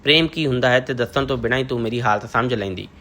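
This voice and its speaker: A man's voice: medium pitch, fast, pushed and bright. A man voicing a hesitant young man in love, speaking tenderly, in an audiobook novel.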